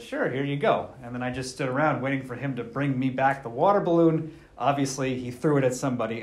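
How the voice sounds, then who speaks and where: A man of middle pitch leads Mass as priest, reading the Gospel and then easing into a homily. His delivery is measured and unhurried, like telling a story. His voice rings with a roomy church echo that fills the space around him.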